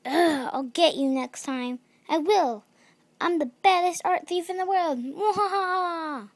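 A woman's voice: very high-pitched, slow pace, voice pushed up, heavily acted. Woman playing Nellie, a cackling art-thief villain. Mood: defiant. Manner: cackling, gloating, theatrical. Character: scheming female art thief villain, boastful. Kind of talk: playful doll-mystery acting.

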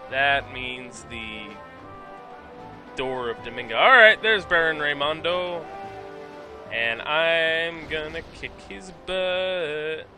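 This let's play commentator speaks slowly, with a fairly high pitch and a sharp tone. He casually comments on the video game he's playing, joking and putting on silly voices to read its text, as game music plays in the background.

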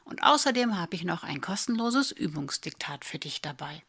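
A woman, teaching a spelling lesson in a patient, clear way with dry little asides. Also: fairly low pitch, very animated, normal speed, fairly bright tone. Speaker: German spelling tutor. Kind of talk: slow explanatory lesson.

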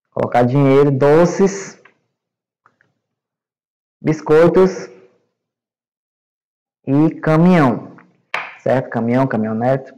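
Brazilian man teaching, slightly high voice. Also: a little mellow, low-quality recording. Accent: Brazilian Portuguese. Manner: repeats words and checks with "né?" and "certo?"; explains slowly and patiently to young students. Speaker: English teacher. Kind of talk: recorded online class.

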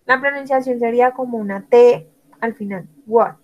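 A woman's voice: fairly high pitch, moderate pace, darkish tone, lo-fi sound. A woman teaching an English lesson, spelling out words letter by letter and praising students by name. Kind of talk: online language lesson.

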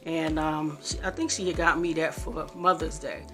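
A woman's voice: sits low, fairly even intonation, normal speed. A middle-aged woman talking casually to viewers in a rambling, homey and affectionate way, as a cooking vlogger. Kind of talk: casual home vlog chat. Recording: faint background music.

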